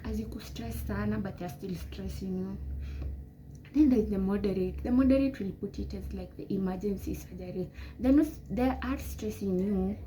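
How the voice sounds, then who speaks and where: Girl in her twenties rambling advice at the camera, emphatic, lots of noise behind her. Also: mid-range voice. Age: 20s. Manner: rambling, emphatic, pep-talk tone. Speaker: vlogger giving advice. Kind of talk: casual advice talk to camera. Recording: noisy background.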